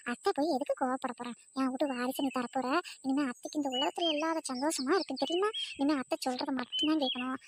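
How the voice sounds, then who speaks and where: A woman's voice: high voice, noisy background, natural voice. A woman playing a bossy, scheming middle-aged mother-in-law who fusses with false sweetness. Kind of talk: family comedy skit acting.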